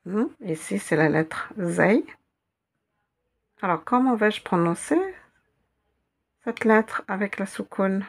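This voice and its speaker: A woman guides learners through a reading lesson in an unhurried, measured way. She spells out each letter and repeats words patiently. Her voice carries a gravelly, creaky texture at a middling pitch. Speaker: Arabic teacher.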